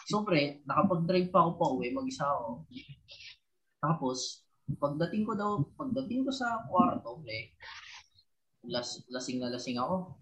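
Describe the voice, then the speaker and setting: A man's voice: fairly high pitch, lively intonation, moderate pace, long pauses. A young man telling a story in a casual podcast chat, laughing often. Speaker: podcast co-host. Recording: muffled lo-fi audio.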